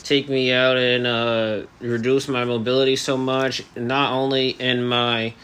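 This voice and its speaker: Male, 18, medium pitch. Earnest, hesitant personal vlogger, articulation a little restricted at the jaw. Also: little pitch movement, unhurried, fairly bright tone, smooth. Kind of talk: personal vlog monologue to camera.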